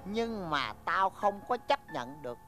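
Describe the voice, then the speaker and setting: An older man with a Southern Vietnamese accent playing a boastful, stubborn village father in a comedy film, exclaiming loudly. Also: sits high, a little slow, faint music behind, heavily acted. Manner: blustery, exclaims loudly, lively swings. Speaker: film actor.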